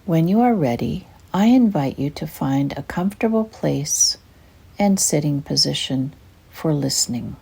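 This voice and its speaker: Narrating a guided meditation without hurry, this older woman has a low, husky voice that is soft and breathy. She sounds gentle, soothing and animated.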